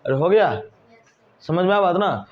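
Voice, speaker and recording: A man's voice: high voice, big pitch swings, unhurried. A man teaching a whiteboard grammar lesson, asking the class questions and answering them himself. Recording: dull lo-fi recording.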